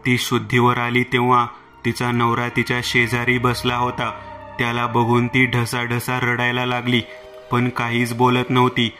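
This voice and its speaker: A man narrating a horror story in a steady, scripted reading voice. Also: medium pitch, a little slow, faint music behind.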